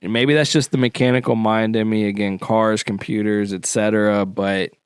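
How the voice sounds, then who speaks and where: Laid-back man co-hosting a podcast, low-pitched and resonant, dry room. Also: steady tone, moderate pace, clean tone, no room sound. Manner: laid-back, explains history with slang and fillers. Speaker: podcast co-host. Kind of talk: casual podcast chat.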